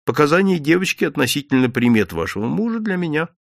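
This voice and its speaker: A man's voice: a little high, very animated, vocal fry, no echo, studio quality, voice pushed up. A man reading the lines of a reserved, decisive detective in an audiobook. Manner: measured, decisive. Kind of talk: audiobook character voice.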